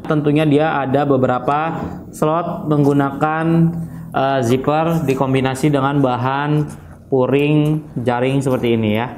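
A man in his thirties giving a casual product review, chatty and slangy, pausing with fillers as he handles the item. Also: mid-range voice, steady tone, darkish tone, slight background noise. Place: studio with dark curtain, seated at table. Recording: voice over clear guitar music. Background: background guitar music.

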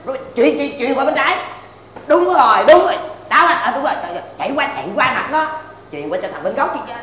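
A man's voice: very high voice, quick pace, a little hiss or hum, exaggerated voice. An actor playing a bickering, melodramatic father in a comedy sketch, speaking with an exaggerated, pleading delivery. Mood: excited cheering. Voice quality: lively, wailing, exaggerated pleading. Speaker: comic actor in a stage sketch.

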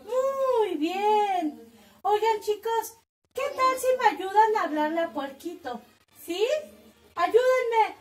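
A woman teacher hosting a puppet show for small children, talking in a slow, exaggerated sing-song. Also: extremely high pitch, animated, echoey room, distant mic.

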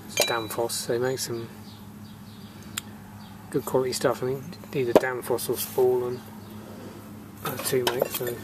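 A man with a medium, level voice talks unhurriedly with long pauses while heavy background noise fills the yard. He's a refrigeration technician giving casual hands-on narration on a camera mic, thinking aloud in a matter-of-fact way with fillers.

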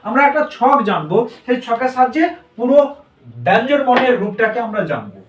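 A man's voice: very high voice, sing-song, fairly quick, a bit bright, a little hiss or hum. A male teacher giving a grammar lesson to a class. He drills the students with call-and-response questions and repeats their answers back. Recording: echoey room, mic far off.

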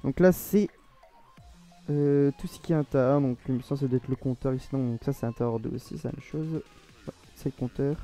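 A man's voice: medium pitch, a little fast, dark tone, faint music behind. A man with a French accent giving a casual, rambling modding tutorial, often correcting himself and laughing at his own slips. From France. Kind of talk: casual screen-recorded tutorial.

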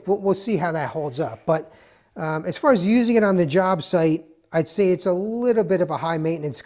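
In a garage workshop with a concrete floor, a man gives a loose, rambling review of a tool, full of fillers and restarts. His voice is slightly high and a little mellow.

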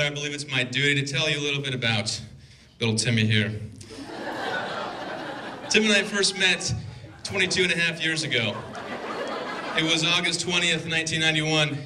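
A best man in his twenties gives a wedding toast indoors at a reception hall, reading from notes into a handheld mic with dry, teasing humor. His voice is on the high side, and guests can be heard laughing amid background noise.

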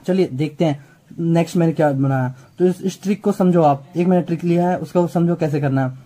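A man's voice: on the high side, brisk, mellow, rough recording. A man teaching a chatty exam-prep biology lesson, often repeating points and checking that students follow. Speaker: biology tutor.

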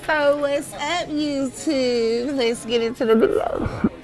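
A woman's voice: high-pitched, slow, darkish tone, soft background music. A woman filming a casual vlog in a pet store on a handheld phone, giggling and cooing at the animals while she talks to her viewers. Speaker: vlogger.

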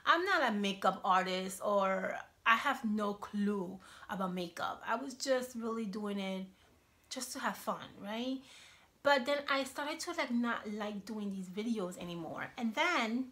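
A woman's voice: medium pitch, a little slow. A woman in her thirties, born and raised in Cuba, chatting casually in a vlog, filmed on an iPhone in her home kitchen. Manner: chatty, animated, talks with her hands. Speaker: YouTube vlogger. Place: home kitchen, indoors, small room. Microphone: iPhone on a selfie stand.

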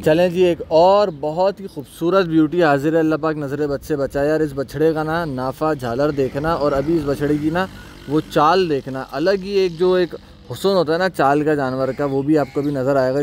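कराची के उर्दू लहजे वाला एक आदमी, बाहर के फार्म पर जानवर दिखाते हुए कैमरे के पीछे से कमेंट्री करता है, बार-बार माशाल्लाह कहता है और संभालने वालों को बछड़ा चलाने के निर्देश देता है।. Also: male voice, on the high side, a little mellow, a little hiss or hum. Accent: Karachi Urdu. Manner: keeps saying mashallah, calls out orders to handlers. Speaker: cattle market vlogger. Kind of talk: off-camera commentary showing livestock. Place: outdoor cattle farm yard.

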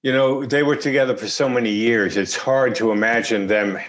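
A man's voice: mid-range voice, normal speed. Guy in his 60s hosting from home over webcam, easygoing questions. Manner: relaxed, conversational questioning. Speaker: host. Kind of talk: video call interview. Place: home room, indoors. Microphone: video call, webcam.

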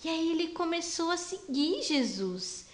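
A woman teaching a Bible lesson to small children, talking gently and simply. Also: very high-pitched, big pitch swings, a little slow, roomy sound. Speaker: Sunday school teacher.

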